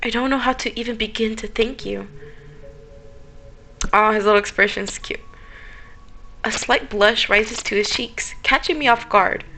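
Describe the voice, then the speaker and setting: A woman's voice: on the high side, measured pace, pauses often, sharp tone, a little hiss or hum. A woman playing through a visual novel, reading the narration aloud and adding playful, chatty remarks. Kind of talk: casual game commentary and reading aloud.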